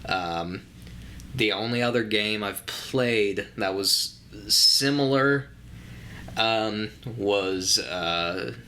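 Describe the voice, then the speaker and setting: A young man with a fairly low voice and a bright, forceful tone. He co-hosts a laid-back podcast chat, explaining things at length in an easygoing way with plenty of fillers. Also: drawn-out words, slight background noise. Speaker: podcast co-host.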